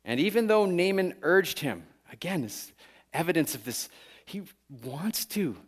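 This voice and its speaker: A middle-aged male pastor preaching in a conversational way, often asking "right?" and acting out the people in the story. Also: measured pace. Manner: animated, conversational preaching with frequent "right?" asides; acts out the story's figures with raised pitch. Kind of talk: sermon.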